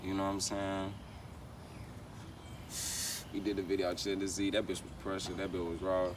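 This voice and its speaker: With a low voice and completely flat, brisk delivery, a young rapper rambles through an interview in casual street slang. He repeats phrases and often says "you know what I'm saying," recorded on a distant mic amid clear traffic noise outdoors.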